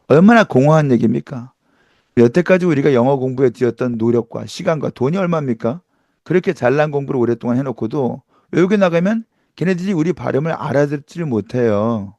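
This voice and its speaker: Middle-aged guy teaching pronunciation, gravelly voice, super lively, dry close mic. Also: medium pitch, a little fast, no room sound, dull audio. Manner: emphatic, rhetorical questions, demonstrates sounds. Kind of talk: lively online lecture.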